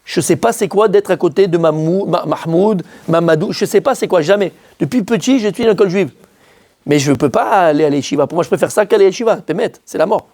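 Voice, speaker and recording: A rabbi from France tells a personal story with a lot of energy. His voice sits fairly high for a man. He keeps jumping up in pitch to act out his own words. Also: fast talker, a little mellow. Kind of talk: animated storytelling talk.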